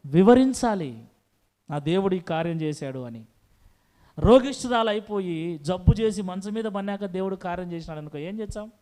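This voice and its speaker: A male preacher with a high voice, delivering an emphatic sermon. He asks rhetorical questions and repeats phrases for weight. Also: darkish tone.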